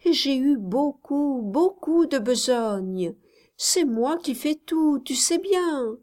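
A frightened young village girl pleads in a soft, trembling voice that climbs high when she protests, as a woman reading the tale acts her. She speaks slowly, hushed and anxious, in this storybook reading. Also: expressive. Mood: frightened, pleading.

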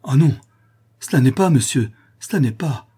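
A man voicing a terrified young woman in high, breathy, desperate cries. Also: expressive, moderate pace, mellow.

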